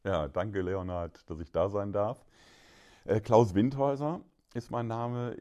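Very low-voiced man, bank executive guest. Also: dark tone. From Germany, Düsseldorf. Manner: fluent, many filler hesitations, friendly. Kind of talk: conversational podcast interview.

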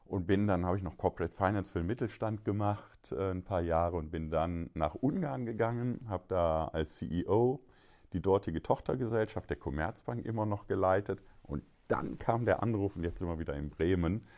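A man's voice: low voice, normal speed, a little mellow. A man in his fifties from Düsseldorf, a bank executive talking fluently with some filler hesitations in a podcast interview. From Germany, Düsseldorf.

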